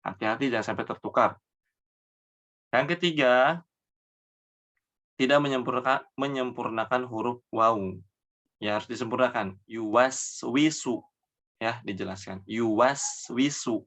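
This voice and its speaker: A man teaching Quran recitation rules, explaining each mistake, then reciting the words slowly and drawn out, dropping softly at the ends of phrases. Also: mid-range voice. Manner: trails off softly after each example. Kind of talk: tajwid lesson with slow demonstration recitation.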